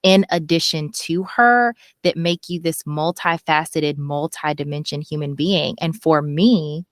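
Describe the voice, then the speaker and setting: A woman in her thirties talks candidly as a podcast guest, earnest and lively. Her voice sits a little low, and she acts out the things people said to her. The recording is dry and close. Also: dry recording. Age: 30s. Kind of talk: candid conversational interview.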